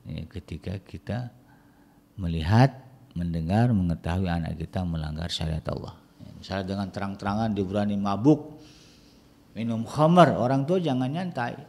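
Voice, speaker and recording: A man's voice: fairly low pitch, normal speed, vocal fry, warm tone. A middle-aged man giving a religious lecture on parenting, conversational, with frequent tag words, acting out scolding parents. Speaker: Islamic teacher.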